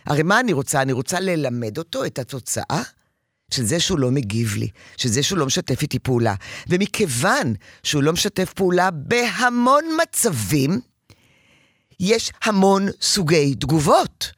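A woman counseling a parent in an emphatic, animated advice session. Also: low-pitched, breathy edge, no echo, studio quality.

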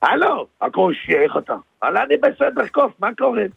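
A man's voice: sits high, big pitch swings, creaky, slightly rough, no echo, narrow, tinny audio. A man performing a comic phone sketch on the radio, swerving animatedly between voices. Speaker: radio comedian.

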